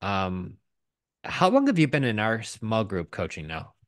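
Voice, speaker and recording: A man's voice: on the low side, wildly swooping pitch, unhurried, dry recording, clean studio sound. A man co-hosting a podcast, welcoming a guest and asking questions in a loose, upbeat way. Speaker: podcast co-host.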